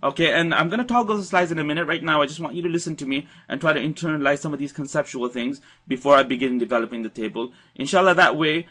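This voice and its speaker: A man with a slightly raised pitch teaches a recorded grammar lesson. He explains step by step in a patient, methodical way and circles back to stress key ideas. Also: fairly bright tone. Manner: patient, explanatory, repeats points for emphasis. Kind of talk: recorded slide-presentation lecture.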